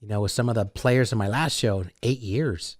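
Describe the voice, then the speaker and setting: A man's voice: fairly low pitch, normal speed, dry recording, clean studio sound. A man who hosts a radio show, chatting casually and joking loosely with his co-hosts on a podcast. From Phoenix area.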